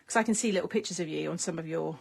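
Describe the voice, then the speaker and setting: Speaking in a low-pitched, husky voice with vocal fry, this middle-aged woman from the United Kingdom talks at a rapid-fire pace. She has a British English accent and keeps up casual live chat while crafting, reading viewers' comments aloud on her stream and laughing a lot.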